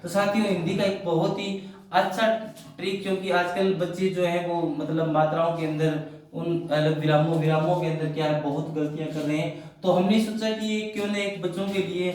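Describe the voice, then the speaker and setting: Man, teacher, repeats himself, answers his own questions, high voice, faint hiss. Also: flat delivery, a little fast, darkish tone. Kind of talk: classroom-style explanation. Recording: very echoey room, mic far off.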